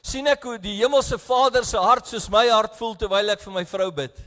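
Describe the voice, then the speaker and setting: A South African man preaching a sermon as pastor, earnest and close to tears, his delivery swinging between hushed and raised. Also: high-pitched, normal speed. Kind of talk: bilingual sermon. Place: church. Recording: echoey church hall.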